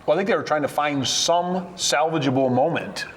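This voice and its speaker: A man's voice: fairly high pitch, moderate pace, slight background noise. A man hosting a sports talk show, joking often and rambling into long analogies. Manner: chuckling, wisecracking, rambling analogies. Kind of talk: casual sports chat.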